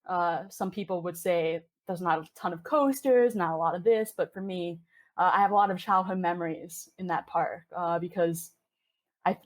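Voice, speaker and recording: She's a woman in her twenties from Hong Kong, speaking at normal speed in a lowish voice as an enthusiastic podcast guest. The chat is a casual interview, and fillers come up often.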